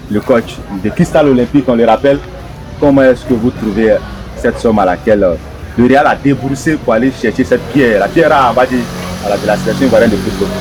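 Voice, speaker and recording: A man hosting a football debate show, introducing guests and posing long, formal questions. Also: medium pitch. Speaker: host. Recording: noisy background.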